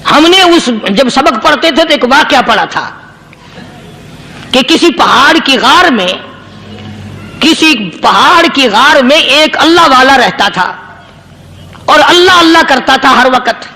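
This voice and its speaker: A man's voice: very high voice, animated, gravelly, pauses often, sharp tone. A man preaching a sermon to an audience, telling a story and rising into impassioned passages. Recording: hall reverb, faint background noise.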